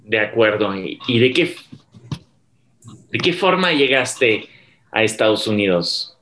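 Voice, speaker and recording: A man's voice: on the low side, sing-song, takes it slowly, a bit bright, slight background noise. A man, a university professor hosting an interview podcast, asking polite questions with a few fillers.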